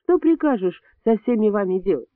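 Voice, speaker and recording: A steady hospital doctor who talks quietly and with weight, reasoning rather than shouting, as the male audiobook reader plays him. His lively voice sits fairly high. The recording is dry and tinny. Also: brisk, no echo. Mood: firm. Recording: dry, tinny phone-like sound.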